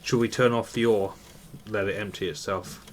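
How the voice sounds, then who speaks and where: Low-voiced man hosting a casual game stream. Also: steady tone, normal speed. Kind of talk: casual gameplay commentary. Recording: clear background noise.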